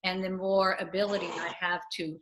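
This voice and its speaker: A woman's voice: on the low side, flat delivery, moderate pace, a bit bright, slight background noise. An older woman speaking emphatically and swearing freely in a casual video call discussion, as a guest.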